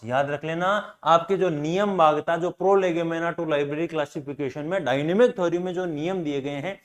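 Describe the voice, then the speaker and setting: A man teaching a library science class, asking questions aloud and answering them himself, repeating key points for students to remember. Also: on the high side. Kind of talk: classroom lecture.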